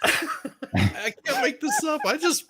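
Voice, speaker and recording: A woman chatting with friends, giggly and excitable. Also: high voice, slow pace. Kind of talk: casual chat with friends.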